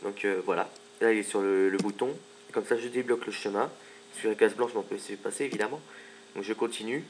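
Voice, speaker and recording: Low-voiced man joking through gameplay. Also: steady tone, fairly quick, a little hiss or hum. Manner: joking, chatty asides. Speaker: let's play commentator. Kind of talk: casual gameplay commentary.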